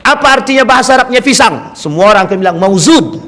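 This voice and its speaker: A man's voice: extremely high pitch, expressive, quick pace, fairly bright tone. A male Islamic preacher giving a sermon, speaking directly to the congregation and telling stories through questions. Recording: long hall reverb.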